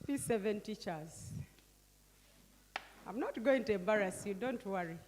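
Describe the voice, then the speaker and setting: An older Ugandan woman facilitates a group workshop, coaxing and directing participants with frequent questioning tags. Her medium-pitched voice is darkish, unhurried and lively in intonation, with slight background noise and a long hall reverb.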